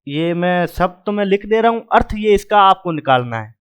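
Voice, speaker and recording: Male grammar teacher, fairly high voice, chalk-and-board lecture, drills the sounds aloud, keeps checking in students. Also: lively intonation, normal speed, clean tone. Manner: drills sounds aloud, repeats "ठीक है" often. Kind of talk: classroom lecture at a whiteboard.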